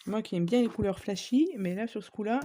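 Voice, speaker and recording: Woman, casual haul vlog, mellow tone, chatty with fillers, faint background noise. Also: mid-range voice, a little fast. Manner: chatty, many fillers, addresses viewers. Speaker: scrapbooking vlogger. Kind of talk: casual shopping haul show-and-tell.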